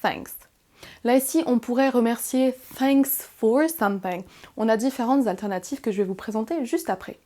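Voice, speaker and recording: A young woman with a French accent leads a beginner English lesson. Her voice sits a little high. She moves quickly through the explanations and then slows down to pronounce each English phrase with care. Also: warm tone. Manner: clear, deliberate model pronunciations, slowing on English phrases. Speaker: English teacher.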